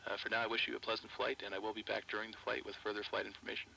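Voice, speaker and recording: A gravelly airline captain over the intercom. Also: male voice, lowish voice, flat delivery, very fast, sharp tone, slight background noise, heavily acted, low-quality recording. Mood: routine. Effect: cabin announcement over the aircraft intercom. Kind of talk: scripted passenger announcement.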